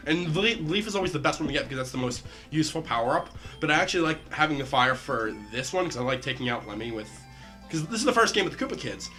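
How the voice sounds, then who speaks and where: A man's voice: on the high side, soft background music. A man casually commenting while playing a video game. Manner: quick, lively, casual. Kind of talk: let's-play commentary.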